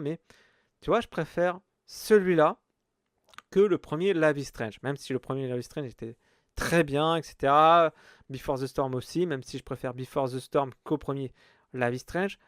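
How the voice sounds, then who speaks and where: Man, podcast host, casual rambling chat, hesitant fillers, fairly high voice, dry close sound. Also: no echo.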